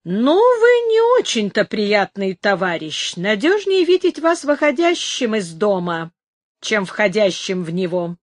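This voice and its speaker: A woman's voice: mid-range voice, a little slow, no room sound, clean studio sound, close to an everyday voice. A woman voicing a cold, repellent male executioner who speaks with distrust, in a story reading.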